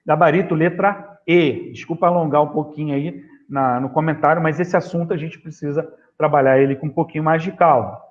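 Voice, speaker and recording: Brazilian teacher on muffled audio. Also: male voice, fairly high pitch, steady tone, brisk, few pauses. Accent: Brazilian Portuguese. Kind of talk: online exam-prep lesson.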